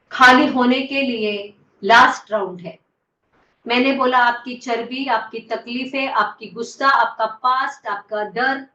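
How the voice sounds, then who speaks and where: A woman's voice: fairly high pitch, bright, forceful tone. A woman leading a guided yoga and breathing class, urging her students on with repeated commands. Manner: commanding, urgent coaching with repeated calls. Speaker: yoga instructor. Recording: distant, roomy, dull lo-fi sound.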